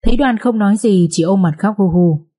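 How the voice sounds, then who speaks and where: Husky-voiced woman narrating a story. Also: mid-range voice, a little fast, dark tone. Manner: vivid folksy storytelling.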